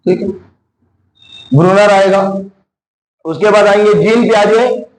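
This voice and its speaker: A man teaching a lecture class, asking his own questions and drawing key terms out slowly. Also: high-pitched, echoey room, a little hiss or hum, low-quality recording.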